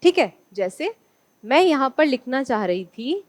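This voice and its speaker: A woman's voice: sits high, big pitch swings, measured pace, no room sound. A woman from India teaching an online exam-prep class, asking her students questions and answering them herself.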